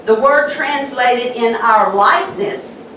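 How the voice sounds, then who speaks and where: A woman pastor with a Southern accent preaching a sermon slowly and emphatically. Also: a little high, fairly bright tone, slight background noise. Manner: slow, emphatic preaching with pauses. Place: church sanctuary. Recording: echoey church hall, mic from a distance.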